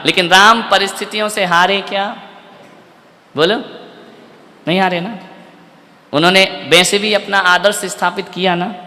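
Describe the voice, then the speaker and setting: A man with a high, very bright, cutting voice preaches as a monk, carrying the hall with a lively, storytelling delivery. He keeps throwing rhetorical questions at the crowd. The sound trails off in a long hall reverb. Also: unhurried, long pauses. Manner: fires rhetorical questions at listeners, animated storytelling. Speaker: Jain monk giving a discourse. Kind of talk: sermon retelling an epic to a live audience.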